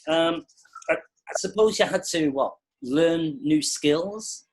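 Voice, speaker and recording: A man interviewing on a video call. He often restarts his questions in a halting, encouraging way. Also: a little high, low-quality recording. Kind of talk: casual interview.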